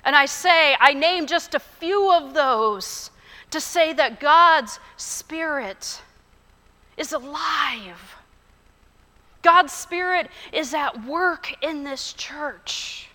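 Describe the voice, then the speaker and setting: A woman pastor preaching a sermon in a church, earnest and measured, telling stories. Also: high voice, lively intonation, bright, forceful tone, long reverb tail. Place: church sanctuary.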